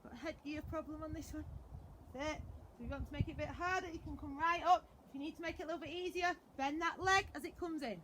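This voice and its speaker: A woman's voice: sits high, quick pace, fairly bright tone, a little hiss or hum. A woman fitness instructor leading a live workout class with short repeated commands, counts and encouraging cues. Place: outdoors in a back garden.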